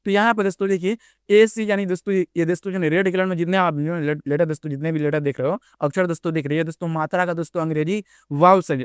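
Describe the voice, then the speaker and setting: Fast-talking male teacher. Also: a little high, clean tone, no echo, clean studio sound. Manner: addresses viewers as friends constantly; spells letters out one by one. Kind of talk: online tutorial for beginners.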